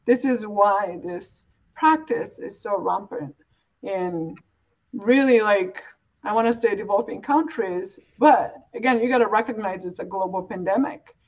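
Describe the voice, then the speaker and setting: A medium-pitched, unhurried woman, raised from birth in Uganda, East Africa, gives earnest, reflective answers as an interview guest. She speaks emphatically and reinforces her points with repeated phrases, and the audio is dull and lo-fi.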